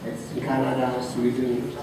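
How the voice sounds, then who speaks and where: Man from Africa, halting tribute speech, far off in a very echoey room with clear noise. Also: medium pitch, completely flat delivery. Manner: soft-spoken, halting, many fillers. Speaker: colleague giving a tribute. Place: reception room. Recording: roomy, distant, noisy room recording.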